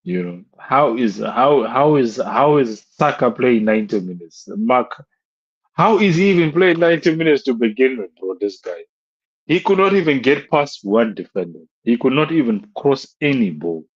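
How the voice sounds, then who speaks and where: A man's voice: mid-range voice, sing-song, moderate pace, breathy edge, dull audio. A young man on a live stream, ranting about a football match, repeating himself in exasperation and tossing in "bro" constantly.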